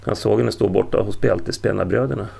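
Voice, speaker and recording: A man's voice: on the low side, vocal fry, mellow, breathy edge. A man narrating a Viking tale as an audiobook reader, telling it steadily.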